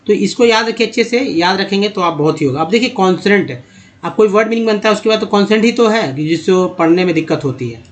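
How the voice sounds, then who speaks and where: A man teaches English pronunciation in a fairly high voice. He speaks slowly, spelling out letters one at a time and repeating each example word in a steady, explaining tone. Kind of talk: screen-based spoken lesson.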